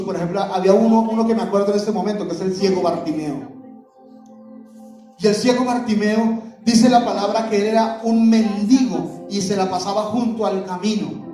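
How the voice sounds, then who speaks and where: Man preaching, high voice, mellow tone, heavy echo from a distant mic, music underneath. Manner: preaching with call-and-response questions to the congregation. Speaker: pastor. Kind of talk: sermon. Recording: echoey hall, voice from far off, music behind.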